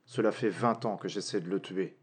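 A woman voicing a bitter man in his forties in an audiobook story, speaking grimly in a lowered, husky voice. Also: moderate pace, darkish tone. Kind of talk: storybook narration.

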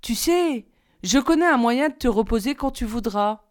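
A woman's voice: fairly high pitch, lively intonation, moderate pace, lightly acted. A woman voicing a curious, earnest young boy prince in an audiobook reading, asking eager questions.

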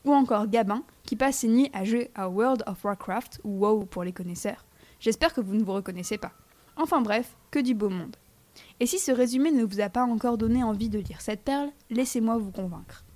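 A woman's voice: a little high, normal speed, a little mellow. Playful teenage girl reviewing a book. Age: teens. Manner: playful, teasing, addresses listeners directly. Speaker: book columnist on a school radio show. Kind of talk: scripted radio book review.

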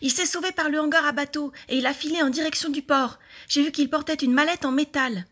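A woman's voice: medium pitch, animated, fairly quick, slightly rough. A woman voicing a young boy detective in a storybook reading, talking urgently and breathlessly.

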